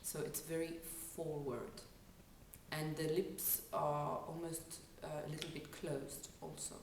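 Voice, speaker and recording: A woman with a low voice teaches an accent lesson, breaking each sound down patiently. She is recorded in a reverberant room with the mic set back from her. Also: little pitch movement, creaky, slight background noise. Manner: explanatory, pauses to demonstrate sounds. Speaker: accent and dialect coach. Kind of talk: instructional talk to camera. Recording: echoey room, mic at a distance.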